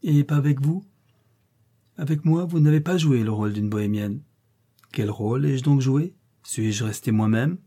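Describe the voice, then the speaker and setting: A brooding, masterful nobleman, voiced by a man reading aloud, speaks in a measured, teasing way. His tone is warm and dark. It is audiobook character reading. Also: medium pitch, lightly acted. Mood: bantering.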